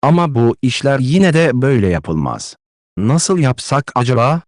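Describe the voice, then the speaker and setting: A man voicing a stiff, cautious middle-aged gentleman who speaks formally and hesitantly, in a dry close-miked audiobook read. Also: mid-range voice, sing-song, moderate pace, no room sound, natural voice. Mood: uneasy.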